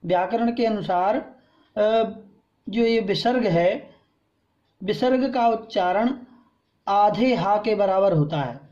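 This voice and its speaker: A man teaching a scripture class, patiently explaining pronunciation and reciting verses slowly, syllable by syllable. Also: high voice, darkish tone, dull audio. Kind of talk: slow recitation lesson with pronunciation drill.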